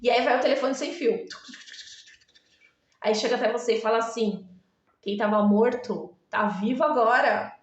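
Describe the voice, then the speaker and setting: A woman preaching an emotional sermon, pleading and dramatic, with long pauses. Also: fairly high pitch. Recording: echoey room, distant from mic.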